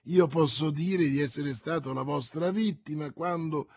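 A man's voice: on the high side, unhurried, darkish tone, slightly rough, no room sound, clean studio sound. A man voicing a vain, boastful musketeer who declaims grandly and pities himself. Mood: indignant boasting. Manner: pompous, theatrical declaiming.

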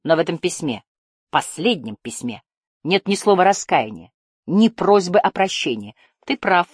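A woman's voice: lowish voice, sing-song, moderate pace, slightly rough, no echo, studio quality. A woman reading the lines of a wounded, weary male warrior in an audiobook.

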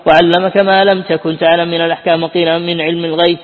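Quick man reading commentary, echoey. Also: a little high, level tone. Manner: quick recitation with small restarts. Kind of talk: reading classical Quran commentary aloud. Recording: tinny, echoey hall sound.

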